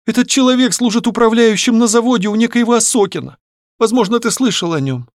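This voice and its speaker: A man's voice: fast, dry recording, clean studio sound. Man voicing a tearful young noblewoman. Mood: ashamed. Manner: high pleading voice, near tears.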